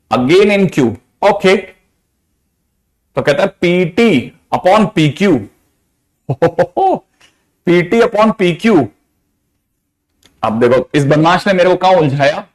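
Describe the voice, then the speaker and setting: A man teaching a math class in a lively, teasing way, often repeating questions to get students to answer. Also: high-pitched.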